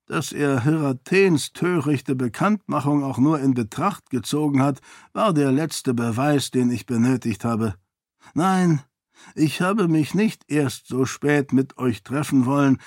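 A man's voice: medium pitch, a little slow, darkish tone, dry recording, clean studio sound, close to an everyday voice. Man voicing a grave old duke.

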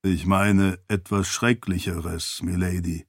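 A man voicing a loyal male spirit living in a floating light orb, with a deep, hesitant voice, speaking slowly and formally to his lady. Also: flat delivery, slightly rough, no echo, clean studio sound, full character voice. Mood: relieved. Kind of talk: audiobook character voice.

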